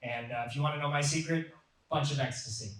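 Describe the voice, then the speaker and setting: A young adult man performing a stand-up comedy set in a comedy club, telling deadpan, self-mocking jokes. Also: fairly high pitch, fast talker, far from the mic, heavy background noise. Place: comedy club stage, audience laughing. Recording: echoey club, mic heard from afar.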